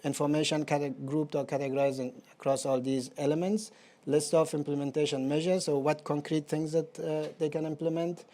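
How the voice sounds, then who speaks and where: Man presenting, mellow slightly raised voice, walks through a website step by step. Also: on the high side, level tone, moderate pace.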